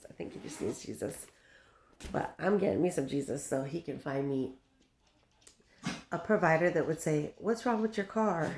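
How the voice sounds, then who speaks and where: Talking to her viewers in a loose, rambling chat, this fifty-something woman vlogger laughs a lot, wanders between stories, and coos to her dog in baby talk. She has a deep voice with a darkish tone.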